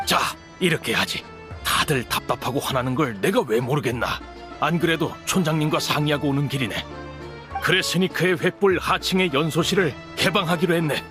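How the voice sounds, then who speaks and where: Man playing a middle-aged village official, measured and fatherly, slightly raised voice, faint game music behind. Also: on the high side, close to an everyday voice. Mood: calming. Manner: measured, paternal and explanatory. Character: male village official handing out energy, patient and formal. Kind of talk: video game voice acting.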